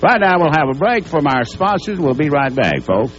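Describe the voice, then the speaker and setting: A man's voice: a little high, very animated, moderate pace, fairly bright tone, soft background music. An older man with a Southern accent from Alabama, hosting a folksy live TV farewell show and rambling through old stories. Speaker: host. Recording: dull lo-fi broadcast tape.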